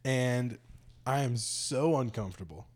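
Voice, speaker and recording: A man's voice: mid-range voice, measured pace, very noisy. A young man chatting casually with a friend, telling laid-back stories and laughing often. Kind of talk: casual chat.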